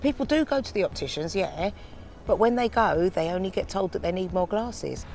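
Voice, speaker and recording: A woman's voice: mid-range voice, animated, moderate pace, creaky, darkish tone, faint music behind. A woman in her forties from London, giving a testimonial of her own views. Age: 40s. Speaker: community member giving views.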